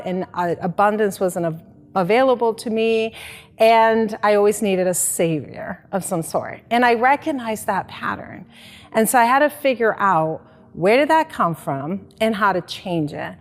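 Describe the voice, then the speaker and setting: A woman's voice: mid-range voice, in a large hall. A woman in her forties from the Dominican Republic, a life coach, telling her life story in an earnest, reflective way. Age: 40s. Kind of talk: personal story in an interview.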